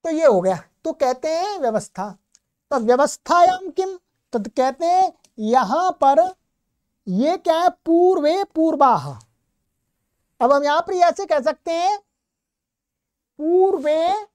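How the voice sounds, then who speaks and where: A woman's voice: sits high, a little mellow. A woman teaching Sanskrit grammar in a recorded lecture, explaining patiently and often asking a question before she answers it herself.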